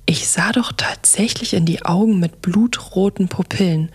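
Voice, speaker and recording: A young woman narrating a first-person audio story, softly and often dropping into a hushed whisper. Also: on the low side, normal speed, slightly rough.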